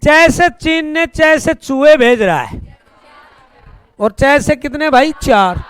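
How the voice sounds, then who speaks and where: A man's voice: extremely high pitch, slow, fairly bright tone, dry recording. A man with a Haryanvi accent teaching a current affairs class for exam students. He keeps asking questions and answering them himself, with folksy joking asides. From India. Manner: quizzing students, asks and answers his own questions.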